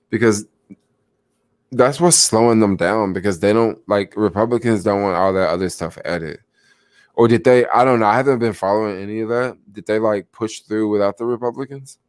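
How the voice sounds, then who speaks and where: A young man yawns his way through a casual stock livestream, rambling with plenty of fillers and replying to viewers. His voice is lowish and he sounds sleepy. There's no room sound.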